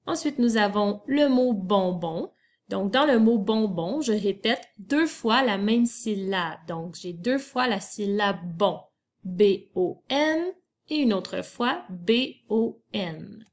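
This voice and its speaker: A woman gives a children's spelling lesson, spelling each word letter by letter. She speaks very slowly and patiently, in a mid-pitched voice. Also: expressive. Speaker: teacher.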